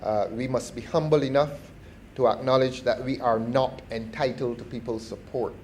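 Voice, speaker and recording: A middle-aged man with a Barbadian accent gives a formal parliamentary speech, measured and deliberate, often restarting his phrases. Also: medium pitch, steady tone, a little mellow, a little hiss or hum. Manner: measured and formal, with repeated false starts. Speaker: member of parliament.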